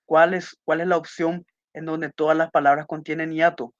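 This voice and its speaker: A man's voice: on the high side, flat delivery, normal speed, dry recording. A man teaching a class, patiently going over test answers and repeating key points with little checking questions. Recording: muffled dry lo-fi audio.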